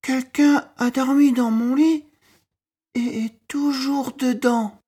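A man voicing a small baby bear cub who speaks in a shrill, fast, sobbing voice. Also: steady tone, mellow, husky, full character voice. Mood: tearful, shrill.

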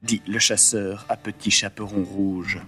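A man narrating a storybook in an expressive, dramatic way with a slightly husky voice. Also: fairly low pitch, unhurried, faint music behind. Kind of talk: storybook reading.

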